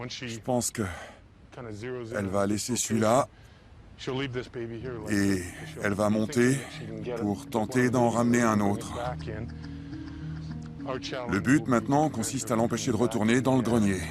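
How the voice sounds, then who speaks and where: A man's voice: medium pitch, close to an everyday voice. A man dubbing a focused wildlife catcher who comments on his work in a documentary. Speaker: animal catcher in a dubbed documentary. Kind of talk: dubbed documentary reality commentary. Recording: music behind the voice.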